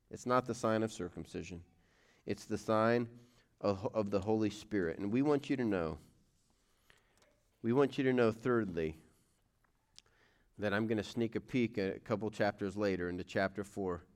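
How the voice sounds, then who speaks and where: A male pastor preaching a sermon, reading scripture aloud and talking directly to the congregation in a conversational way before building to a loud, rising close. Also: fairly low pitch. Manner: reads scripture aloud, pausing on phrases.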